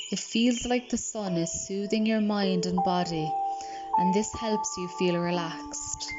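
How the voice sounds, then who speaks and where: Woman, meditation guide, very slow, soft soothing delivery, clear music behind. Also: mid-range voice. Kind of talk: guided relaxation script. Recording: slightly dull recording. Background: calm music and birdsong.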